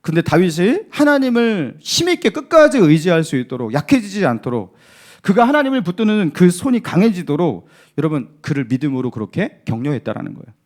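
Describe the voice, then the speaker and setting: A male pastor preaches a sermon in his church. His voice is high for a man and swings widely in pitch. He keeps drawing in the congregation with questions. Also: brisk. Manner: animated, rhetorical questions to the congregation. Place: church sanctuary.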